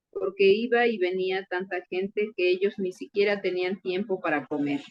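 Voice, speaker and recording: A woman reading a scripture passage aloud at a steady, measured pace, now and then correcting a word. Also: mid-range voice, no room sound, lo-fi sound. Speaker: scripture reader.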